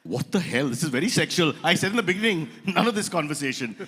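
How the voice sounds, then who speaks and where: A man with an Indian accent hosting a live comedy roast on stage, teasing guests in quick banter. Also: fairly high pitch, lively intonation, fairly bright tone. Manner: teasing rapid banter with crowd asides. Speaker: comedian host. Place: event hall stage. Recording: reverberant event hall.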